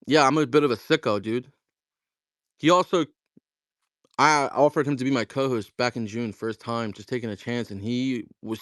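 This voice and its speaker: A man's voice: medium pitch, fairly bright tone, dry recording. A man chatting casually, a founder telling stories and acting out both sides of a conversation, full of slang like bro and dude and frequent swearing. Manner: slangy and profane, addressing listeners as bro and dude. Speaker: crypto project founder. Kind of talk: casual chat on a live audio space.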